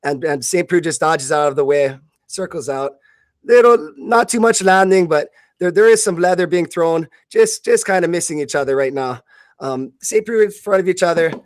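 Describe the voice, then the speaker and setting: A man with a fairly high voice calls a fight live as a radio commentator, narrating blow by blow. He speaks haltingly, often repeating words and correcting his phrases mid-stream. The recording is close and dry, with no echo.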